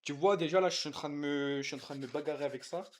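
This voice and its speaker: Young male streamer, high-pitched, excitable, trash-talks chat while cooking at home. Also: rapid-fire. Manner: loud, excitable, swears and teases chat. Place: home kitchen.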